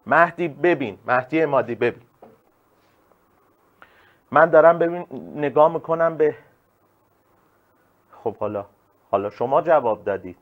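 A male teacher giving a live online class, animated and emphatic, calling on students by name. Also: fairly high pitch, long pauses, muffled recording.

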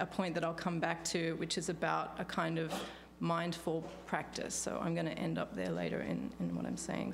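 Australian woman, lower voice, giving a conference talk. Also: slight background noise. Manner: thoughtful, with many fillers and restarts. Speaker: panelist, law professor. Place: law school lecture hall. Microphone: podium microphone on stand.

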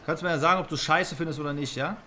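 A man hosting a prank video chat, talking casually in slang and teasing strangers in a low, conspiratorial way. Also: rapid-fire, crowd noise.

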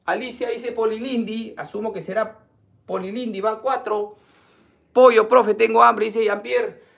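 Gravelly man chatting on a live class. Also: high-pitched, steady tone, a little slow, fairly bright tone. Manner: chatty, reads viewer comments aloud and runs playful polls. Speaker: teacher hosting a live class. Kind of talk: casual live-stream chat.

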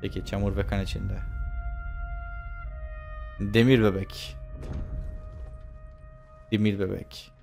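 A man's voice: lowish voice, little pitch movement, slow, creaky, pauses often, darkish tone, soft background music. A young man casually commenting on a video game while he plays, chatty and joking, with many filler sounds. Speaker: gameplay commentator. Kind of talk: casual let's-play commentary.

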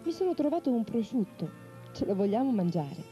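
A woman puts on a sly, hungry saint from a folk tale, pitched higher than the narrator. He coaxes softly, then calls out sheepishly, with music behind him in a storybook reading. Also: very animated, fairly quick, highs cut off. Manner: coaxing, then shouting sheepishly.

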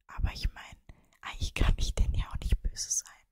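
A woman in her early twenties speaks in a soft, breath-only whisper right up at a desktop microphone. She has a Mannheim German accent and chats casually in an intimate ASMR style. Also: fairly quick. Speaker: ASMR creator and streamer. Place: cosy bedroom, indoors. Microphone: desktop microphone, very close.

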